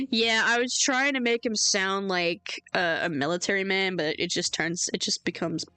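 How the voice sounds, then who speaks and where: A woman's voice: mid-range voice, moderate pace, sharp tone, clean tone, no echo, faint music behind. Giggly self-mocking woman streamer. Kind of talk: casual let's-play commentary.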